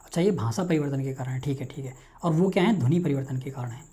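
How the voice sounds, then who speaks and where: Fast-talking male Hindi lecturer, warm tone. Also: mid-range voice. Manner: rapid, repetitive, quizzes himself aloud. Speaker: teacher. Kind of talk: online exam-prep lecture.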